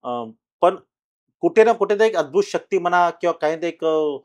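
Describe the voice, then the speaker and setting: A middle-aged man tells his own ghost experience as a podcast guest, talking casually with many pauses and restarts and growing louder at the tense moments. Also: a little high. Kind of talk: casual storytelling in an interview.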